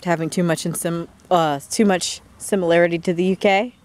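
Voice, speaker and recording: A woman's voice: lowish voice, fairly even intonation, darkish tone. A young woman from West Virginia chatting casually and rambling on while filming a walk through a windy garden. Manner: rambling, chatty, quick laughs. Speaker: vlogger. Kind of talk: casual walking vlog chat. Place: outdoors in a windy botanical garden.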